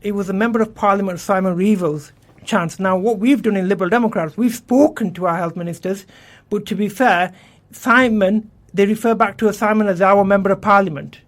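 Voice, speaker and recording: A man's voice: high voice, fairly quick, hardly any pauses. Earnest man campaigning on air. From England. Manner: earnest campaigning, frequent restarts and repeated words. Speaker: election candidate. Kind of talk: radio interview answers. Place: radio studio.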